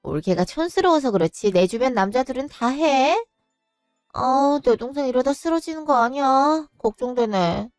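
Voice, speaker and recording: A woman's voice: high-pitched, lively intonation, moderate pace, clean tone, dry recording, studio quality, faint music behind. A woman voicing a mocking, breezy young sister-in-law in a storybook drama. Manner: breezy, teasing. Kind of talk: storybook voice acting.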